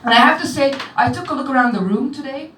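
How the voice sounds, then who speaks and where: A woman's voice: sits high, fast, a bit bright, slight background noise. A young Flemish woman, a native Dutch speaker, performing playful stand-up comedy and teasing the crowd in a small club. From Belgium. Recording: roomy club sound from a distant mic. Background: crowd laughter.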